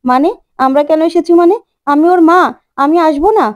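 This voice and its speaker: A woman's voice: very high-pitched, brisk, dry recording, voice pushed up. A woman voicing a distraught, guilt-ridden mother who keeps repeating herself through tears. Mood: indignant.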